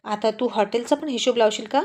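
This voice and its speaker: A woman's voice: fairly high pitch, fairly quick, darkish tone, natural voice. A woman voicing a haughty, rude rich young woman who complains sharply and scornfully.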